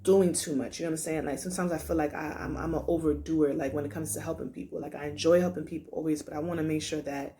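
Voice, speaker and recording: A young woman doing a card reading, reading card texts slowly and then chatting loosely and casually about her day. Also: deep voice, fairly even intonation, dark tone, slight background noise. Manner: reads card texts slowly, then chats loosely with lots of "like" and "you know". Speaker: tarot card reader.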